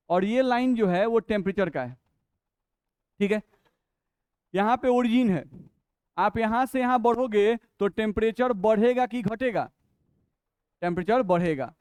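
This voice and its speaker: A man with a Bihari Hindi accent teaching a chemistry lesson step by step, asking questions and answering them himself, and reading English definitions out slowly. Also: sits high, a little mellow, clean tone, no room sound. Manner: explains step by step, asks and answers his own questions. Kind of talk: classroom lecture.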